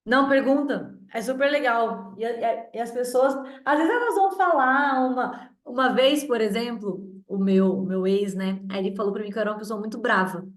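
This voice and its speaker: A woman's voice: a little high, normal speed, hardly any pauses. Strong-voiced woman mentor in her thirties. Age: 30s. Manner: chatty and direct, with many restarts and tag questions. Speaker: mentor leading a group meeting. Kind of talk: casual teaching talk. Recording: roomy echo.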